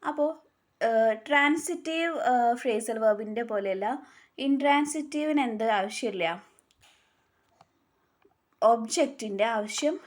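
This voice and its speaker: A woman teacher speaks in a slightly high voice. She explains English grammar in Malayalam at an unhurried pace. She reads rules slowly and keeps asking questions, then answers them herself. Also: expressive.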